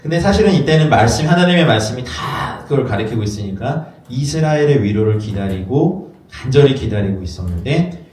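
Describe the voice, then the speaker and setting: Animated pastor in an echoey hall. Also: male voice, medium pitch, fairly quick. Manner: lively, acts out dialogues in playful voices. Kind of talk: sermon. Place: church hall. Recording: echoey room from far off.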